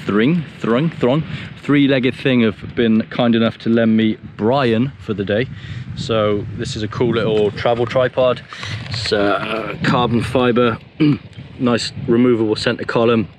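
Man in his thirties, casual vlog, relaxed and chatty, outdoor beach, camera held at arm's length, faint background noise. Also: mid-range voice, slow pace. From England. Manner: relaxed, chatty, self-deprecating. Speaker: photography vlogger. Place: open beach outdoors at sunset. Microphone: camera-mounted mic, held at arm's length.

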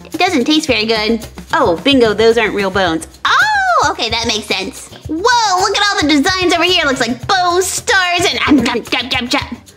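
A woman's voice: high voice, big pitch swings, over music. Woman doing a goofy hungry puppy boy. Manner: slow and silly, munching noises.

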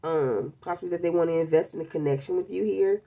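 The audio is dull, and the tarot reader's fairly low voice moves quickly. Stuffy with a cold, she chats casually and bluntly through the reading at an indoor table covered in tarot decks, calling viewers babies.

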